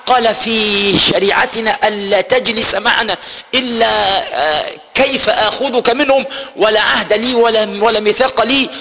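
A man teaches scripture in a very high, bright voice. He retells the story, explains the old words and slowly chants the verses. Long reverb from a hall trails behind him. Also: gravelly. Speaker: Quran teacher. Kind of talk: Quran exegesis lesson.

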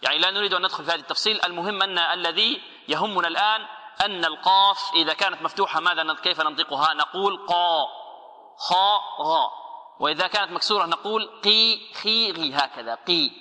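Male Quran teacher, bright and raised pitch, drills pronunciation slowly, long hall reverb. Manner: asks the class questions, then answers them himself; slowly models each word and corrects errors. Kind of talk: tajweed lesson.

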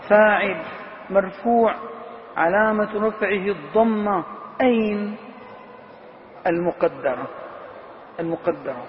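A man teaching an Arabic grammar lesson who asks questions and answers them himself, repeating key words slowly for emphasis. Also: high-pitched, slight background noise. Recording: dull lo-fi recording with long reverb in a hall.

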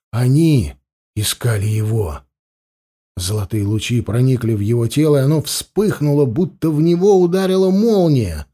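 A man's voice: mid-range voice, mellow. A man narrating an adventure audiobook expressively, doing voices for the characters.

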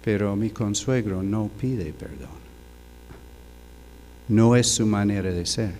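Older guy preaching slow, halting, gravelly low voice, big echoey hall. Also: darkish tone, slight background noise. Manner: slow, halting storytelling with fillers. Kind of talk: sermon testimony.

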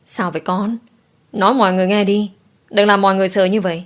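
A woman reading an audiobook voices a gentle, worried father who speaks in a soft, soothing way. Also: medium pitch, moderate pace, natural voice.

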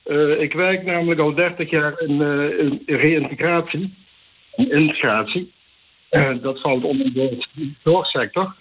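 A husky-voiced man in his fifties speaks over a landline phone, the sound thin and tinny. He is a caller on a late-night radio show, his voice a little high, and he hesitates often with pauses as he gathers his words. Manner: hesitant, many filler pauses. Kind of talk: call-in radio chat.

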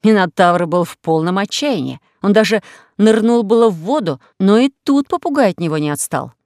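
A reader narrating a children's storybook with even, expressive reading. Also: mid-range voice, moderate pace, no echo, clean studio sound. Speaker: audiobook reader.

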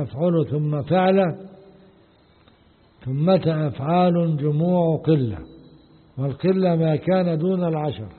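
Egyptian sheikh teaching, tinny hall sound. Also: male voice, fairly high pitch. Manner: explains slowly, posing questions to the audience and answering them. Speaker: sheikh teaching a Quran commentary. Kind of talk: religious lesson commentary.

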